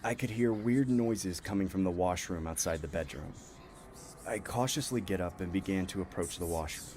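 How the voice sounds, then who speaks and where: A man's voice: low voice, normal speed, darkish tone, a little hiss or hum. A man narrating a scripted horror story in a tense, dramatic manner.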